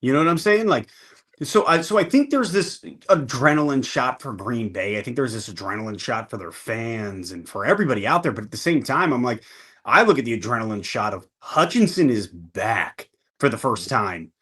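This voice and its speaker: Man, host of a sports chat show; lively, swooping delivery, excitable and full of asides. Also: mid-range voice, normal speed, breathy edge. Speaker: podcast host. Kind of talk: casual sports roundtable chat.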